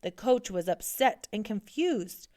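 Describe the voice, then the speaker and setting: A woman narrating a children's picture book in a steady storybook reading. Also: mid-range voice, unhurried, no room sound, clean studio sound.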